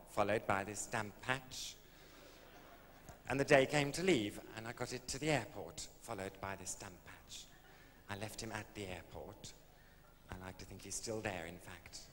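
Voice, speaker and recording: A man, a cabaret comedian telling a comic story on stage with a dry, camp, deadpan delivery. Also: on the low side, slight background noise. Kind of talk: stand-up storytelling. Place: live stage venue. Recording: live hall recording from a video.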